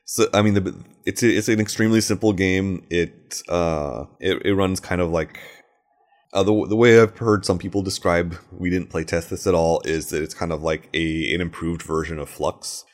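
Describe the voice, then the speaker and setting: A man with a very low, deep voice talks through his thoughts in a loose, unscripted monologue. He stops and restarts often, filling gaps with ums and uhs. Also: fairly even intonation. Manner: rambling, halting, many fillers and restarts. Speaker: board game designer. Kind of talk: casual monologue. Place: home recording with airplanes overhead.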